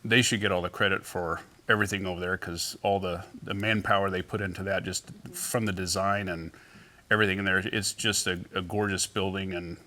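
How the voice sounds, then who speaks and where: A middle-aged man with a low voice sits for an interview as a company founder. He tells his stories in a loose, easygoing way, padding them with fillers and restarts. His tone is bright and forceful despite the low pitch. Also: a little fast. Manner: relaxed, anecdotal, many fillers and restarts. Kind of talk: casual interview storytelling.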